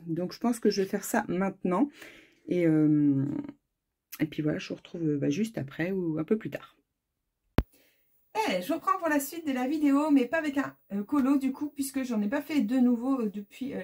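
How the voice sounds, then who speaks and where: A middle-aged woman vlogs in a relaxed, chatty way. Her voice is soft and a bit breathy. She rambles and hesitates often, restarting her sentences as she goes. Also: mid-range voice, normal speed. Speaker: vlogger. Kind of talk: casual chat.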